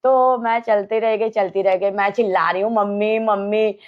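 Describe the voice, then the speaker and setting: A young woman telling a ghost story in a casual, animated way, acting out scenes as she goes. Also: mid-range voice, moderate pace, lo-fi sound. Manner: animated, acts out scenes and quotes.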